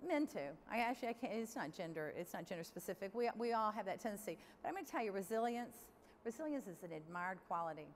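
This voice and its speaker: A middle-aged woman giving a lively, candid conference keynote and talking straight to the audience. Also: medium pitch, quick pace. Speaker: keynote speaker. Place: large conference hall. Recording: long hall reverb, faint room noise.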